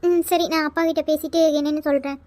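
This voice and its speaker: Woman voicing a high, tearful cartoon mother. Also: steady tone, a little mellow, lightly acted. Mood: tearful worry. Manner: pleading, scolding, fast-talking. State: crying. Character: worried tearful mother of a college boy. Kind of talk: cartoon voice acting.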